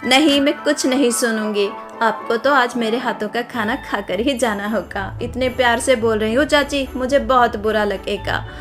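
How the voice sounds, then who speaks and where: A woman's voice: a little high, moderate pace, hardly any pauses, faint music behind, natural voice. A woman voicing a hardworking young village wife in a cartoon story, eager, affectionate and insistent.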